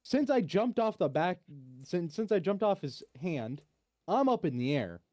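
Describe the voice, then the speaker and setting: Mellow man with a lively, swooping voice. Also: sits high, a little slow, dry recording, studio quality. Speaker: player. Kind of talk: tabletop game banter.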